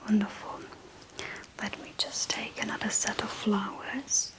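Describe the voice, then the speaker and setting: Woman, whispered role-play, very slow pace, soft breathy delivery, short murmured phrases, ASMR host. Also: mid-range voice, fairly even intonation. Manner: unhurried, narrating each small hand movement in short phrases.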